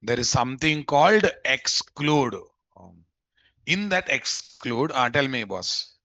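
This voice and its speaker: Here a male coding instructor with a Telugu Indian accent keeps things informal and familiar, repeating phrases and asking learners whether they understand. His mid-range voice is animated, bright and forceful, delivered at a slow pace, with no room sound.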